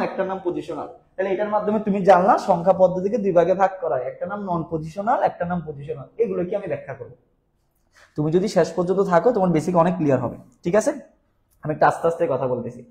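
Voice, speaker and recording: A man's voice: high-pitched, darkish tone. Chatty male tutor, echoey room. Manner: chatty, coaxing, repeats key points. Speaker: teacher. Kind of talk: online class lecture. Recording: roomy, echoey sound.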